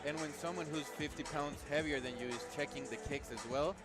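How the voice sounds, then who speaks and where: Higher-voiced male fight analyst, music behind. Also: brisk. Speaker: fight commentator. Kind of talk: MMA analysis commentary.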